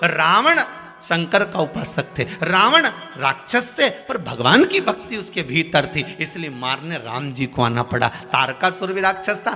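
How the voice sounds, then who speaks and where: Bright-voiced man preaching in an echoing hall. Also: a little high. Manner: storytelling, rising to emphatic outbursts. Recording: echoey hall with music behind.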